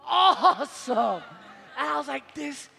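Animated preaching man on stage. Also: slow pace, gravelly. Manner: animated, preaching with big swings in loudness and pitch. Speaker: pastor. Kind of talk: sermon. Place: large stage in a church hall. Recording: long hall reverb, faint music behind.

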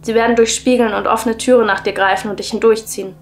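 A woman voicing a frightened young boy who speaks in a hushed, resigned way in a spooky story reading. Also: fairly high pitch, steady tone, fast, a little hiss or hum, close to an everyday voice. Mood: fearful. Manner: hushed, fearful.

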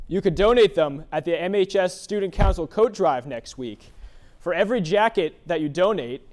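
A teenage male with a high-pitched voice delivers a scripted promo. He addresses the listener directly in a chatty, informal way. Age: teens. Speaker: student promoter.

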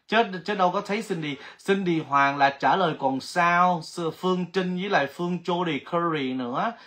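A man hosting a casual livestream giveaway, chatty and excitable, exclaiming often. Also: fairly high pitch. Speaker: livestream host.

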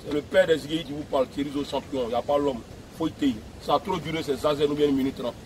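A man's voice: fairly high pitch, fairly even intonation, quick pace, darkish tone, a little hiss or hum, poor audio. A man giving an emphatic, repetitive video message outdoors at a beach. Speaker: music personality addressing fans.

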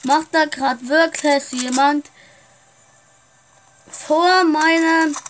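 A woman's voice: sits high, steady tone, very slow, a little hiss or hum. A woman playing a shopkeeper in a casual game roleplay, chatting straight to her viewers. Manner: chatty, keeps addressing viewers.

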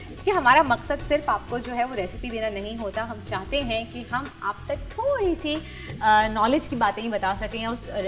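A woman's voice: on the high side, animated, normal speed. A woman in her thirties from Pakistan hosting a TV cooking show in a studio kitchen. She asks questions and explains, slipping in English phrases. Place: indoor TV kitchen studio set. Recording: studio voice with background music.

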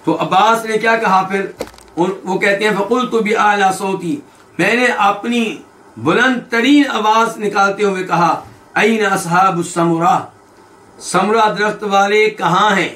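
High, bright-voiced man teaching a hadith class. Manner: quizzes listeners with quick questions while explaining; recites quoted lines slowly, then explains them. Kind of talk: hadith lesson. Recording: echoey room.

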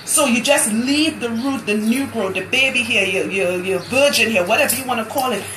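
A Trinidadian-accented woman with a fairly high voice chats loudly and laughs a lot on a live stream while doing locs at a hair salon. She speaks at a normal speed, and the rough recording sounds roomy, with some background noise.

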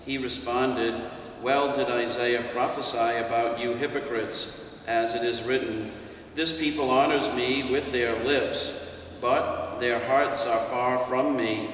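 An older priest reads scripture and preaches at an unhurried, deliberate pace. His mid-pitched voice rings through a church with a long reverb and is picked up from some distance away. A faint hum of room ambience sits underneath. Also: steady tone, fairly bright tone. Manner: slow, measured, deliberate reading. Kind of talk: reading scripture and preaching a homily. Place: church sanctuary in front of a stained-glass window. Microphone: distant camera mic.

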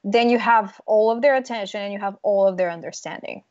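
Speaking fairly quickly in a medium-pitched, slightly mellow voice, a young Bulgarian branding consultant joins a casual video-call interview as a guest. She comes across as confident and emphatic, with the odd laugh. Her earbud mic in a small indoor room yields dull, lo-fi call audio without echo.

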